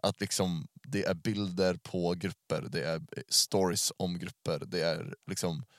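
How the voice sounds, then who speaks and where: A man's voice: low voice, fairly even intonation, dry recording, clean studio sound. A young man hosting a podcast in casual, slangy chat sprinkled with English phrases. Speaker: podcast host.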